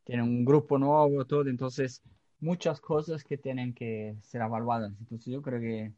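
A man's voice: mid-range voice, steady tone, moderate pace, warm tone, no echo. A man speaking as a co-host in a conversational podcast discussion. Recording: dull, band-limited dry audio.

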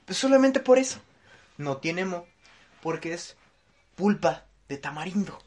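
A man's voice: sits high, animated, measured pace, darkish tone. A man with a Mexican accent co-hosting a casual comedy podcast, joking and full of wordplay. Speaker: podcast co-host.

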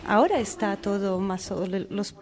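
A woman's voice: medium pitch, normal speed. A woman teacher from Portugal, answering interview questions thoughtfully and searching for words.

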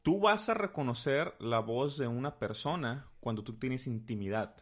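Lively Mexican man teaching with examples. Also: mid-range voice, moderate pace. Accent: Mexican Spanish. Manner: animated, teaching with playful examples. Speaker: guest speaker.

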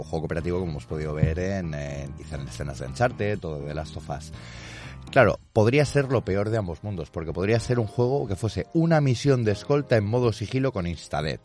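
A man's voice: low-pitched, a little mellow. A man from in casual, playful chat as a co-host of a video game show. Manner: chatty, playful, teasing. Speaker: podcast co-host.

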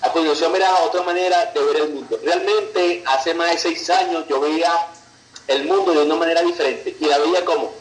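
A man delivers an online business pitch, persuasive and insistent. His voice sits a little high and rings in a roomy, echoing space. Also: fairly even intonation, brisk, slight background noise. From Venezuela. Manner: persuasive, tags sentences with "ok" and "verdad". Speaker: business presenter.

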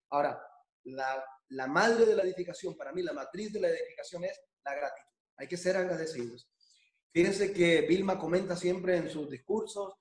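Male business trainer, high voice, emphatic and repetitive, echoey room. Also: darkish tone. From Spain. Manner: emphatic, repeats phrases, asks for agreement. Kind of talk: motivational business training talk.

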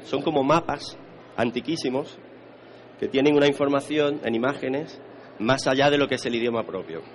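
A man's voice: medium pitch, slight background noise. A man with a Spain Spanish accent who teaches Eastern arts, lecturing a live audience in a conversational way, repeating words and checking that people follow.

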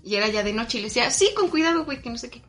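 A woman's voice: on the high side, very fast, faint music behind. A young woman with a Mexican Spanish accent, telling a dream in casual chat, acting out the voices in her story and laughing often. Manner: animated storyteller, acts out quotes, laughs often.

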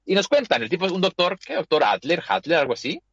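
A man's voice: on the high side, very animated, fast talker, a bit bright, breathy edge, no echo, highs cut off. A man hosting a casual chat, animatedly retelling an anime episode and acting out the characters' lines. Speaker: podcast host.

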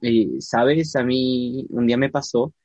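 Animated man telling a story, muffled. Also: mid-range voice, no echo. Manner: animated storyteller, acts out quoted voices, slows down for emphasis. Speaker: church volunteer telling a testimony. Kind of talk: casual storytelling chat.

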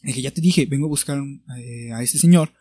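In a husky, mid-range voice that runs a little fast, a young Mexican-accented podcast co-host spins a story in casual chat. He's an animated storyteller who acts out those he quotes, and the recording is dry.

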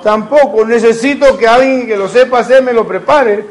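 A man's voice: very high-pitched, moderate pace, low-quality recording. A man, preaching a sermon as a pastor and asking the congregation rhetorical questions.

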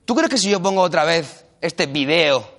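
A man doing a playful, mock-serious stand-up comedy bit with quick jokey asides. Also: fairly high pitch, lively intonation, a bit bright. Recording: live stage with audience laughter and noise. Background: audience laughing.

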